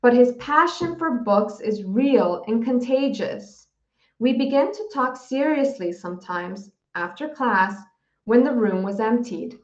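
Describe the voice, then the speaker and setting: A woman teacher reading a novel aloud for students in a slow, steady voice. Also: a little high. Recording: dull, roomy recording.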